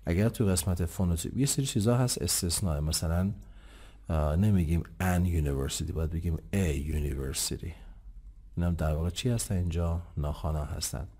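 Man, language teacher, low voice, warm tone, patient explanations, slow and careful English examples. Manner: explains patiently, asks himself questions and answers them; says English examples slowly and clearly. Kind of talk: online English lesson.

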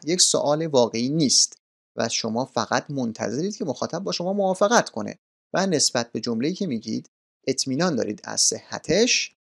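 Gravelly-voiced man teaching English grammar. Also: medium pitch. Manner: polite and explanatory, repeats key points. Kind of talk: grammar lesson explained in a relaxed spoken manner.

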